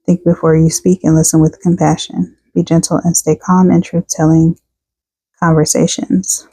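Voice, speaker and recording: A woman talks her viewers through a tarot reading in a relaxed, chatty way, reading out card texts as she goes. Her voice sits low and stays fairly flat, with a mellow tone. She sounds tired, and the recording is dry and close. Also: normal speed, husky, no room sound, low-quality recording. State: tired, yawning. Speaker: tarot reader. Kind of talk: casual tarot reading to camera.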